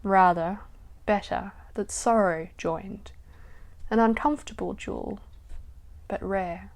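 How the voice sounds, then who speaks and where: A woman reading poems aloud slowly and softly, her voice trailing off at the ends of lines. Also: mid-range voice. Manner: slow, soft reading that trails off at line ends. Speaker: poetry reader. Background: soft acoustic guitar music.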